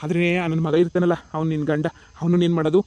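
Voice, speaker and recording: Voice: mid-range voice, little pitch movement, fast talker, darkish tone, no room sound, close to an everyday voice. A performer voicing a boastful middle-aged father-in-law in a cartoon comedy, with an eager, playful way of talking. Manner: boastful and eager, full of playful sound words.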